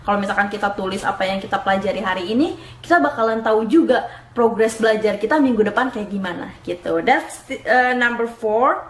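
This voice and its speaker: A woman's voice: mid-range voice, a little fast, a little hiss or hum. A young woman giving casual language-learning tips, chatty with many fillers and English words mixed in. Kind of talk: casual tutorial talk. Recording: echoey room.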